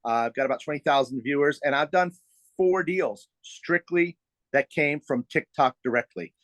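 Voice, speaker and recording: A man's voice: on the high side, normal speed, fairly bright tone, no echo. A middle-aged man, a real estate agent, explaining at ease with fillers as a podcast guest. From United States. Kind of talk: podcast interview.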